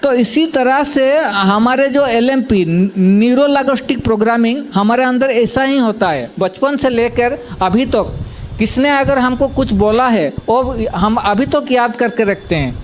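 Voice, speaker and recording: A man's voice: very high-pitched, measured pace, a little hiss or hum. A man giving a self-help talk, repeating points and often checking that listeners understand. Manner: repetitive, asks "samajh mein aaya?" to check understanding. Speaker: healing teacher.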